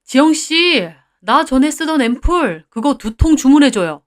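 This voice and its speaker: A woman's voice: high-pitched, animated, measured pace. A woman voicing a friendly middle-aged male client of a hair-care business, talking in a familiar, chummy way.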